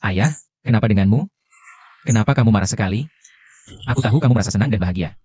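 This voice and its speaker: Man playing a coaxing grown son, low voice, quick lively delivery, drama music. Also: slightly rough, no echo. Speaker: dubbed drama character. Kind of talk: dubbed TV drama acting.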